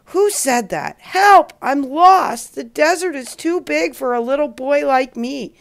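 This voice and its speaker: A woman voicing a frightened little boy lost and alone, crying out in high, pleading tones. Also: a little slow, vocal fry.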